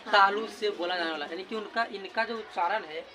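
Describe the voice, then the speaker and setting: A man's voice: high-pitched, brisk, crowd noise, low-quality recording. A man teaching a grammar lesson, who keeps asking a question and answering it himself and drills sounds aloud. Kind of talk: classroom lesson explaining grammar.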